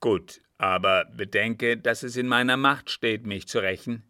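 Man voicing a loud, harsh desert sheik. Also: medium pitch, unhurried, clean tone, no echo, clean studio sound. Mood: angry, scornful. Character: proud angry male desert sheik, threatening.

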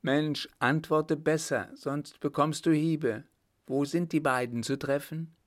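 A threatening accomplice in an audiobook story speaks curtly, pitched noticeably higher than the narration, as a man reads him. He issues warnings without raising his voice much. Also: fairly even intonation, takes it slowly. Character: harsh male accomplice officer, threatening.

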